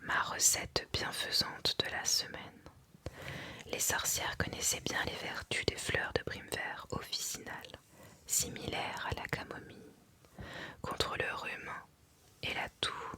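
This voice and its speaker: This is an ASMR reading in a pure, breathy whisper. The sound is sharp and very bright. The reader moves very slowly and carefully, leaving deliberate pauses between phrases.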